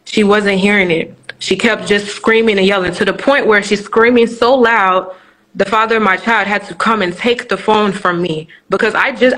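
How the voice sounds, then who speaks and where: A woman's voice: mid-range voice, a bit bright, low-quality recording. A young woman from Nigeria, a guest on a live-streamed interview, recounts her story frankly. She talks in a plain, mid-height voice, often circling back and restarting sentences, and she pads her thoughts with fillers. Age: 20s.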